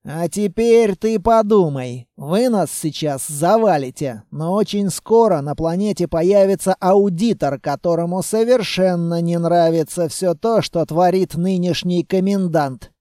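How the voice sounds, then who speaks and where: A man's voice: high-pitched, measured pace, few pauses, no room sound, clean studio sound. A man voicing a cool, shrewd ranger. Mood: persuasive. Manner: calm and persuasive. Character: cool, bluffing male ranger, steady and shrewd.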